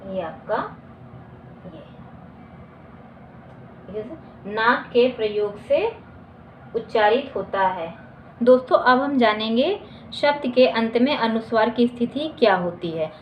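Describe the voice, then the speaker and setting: A woman teacher with a somewhat high voice walks her students through a grammar lesson. She asks questions and answers them, and she repeats definitions slowly. The recording is lo-fi and roomy, with a faint hum behind her. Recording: echoey dull lo-fi room recording.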